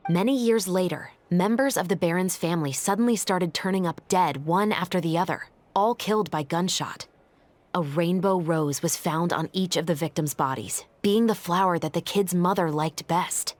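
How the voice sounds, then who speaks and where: An actress playing a calm, principled female police captain in a game, talking in a level, matter-of-fact way. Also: fairly low pitch, moderate pace, no echo, natural voice. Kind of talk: game cutscene dialogue and story retelling.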